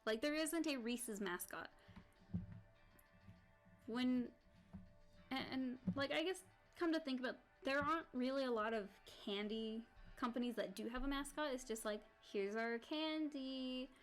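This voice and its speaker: A woman streamer rambles and chats casually while she draws, her speech full of "like" and restarts. Her high-pitched voice moves at a moderate pace with frequent pauses, and faint music plays in the background.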